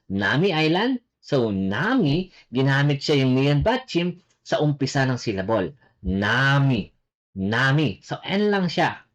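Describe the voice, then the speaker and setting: A Korean language teacher giving a casual online lesson, lively and laughing lightly, repeating example words slowly. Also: mid-range voice.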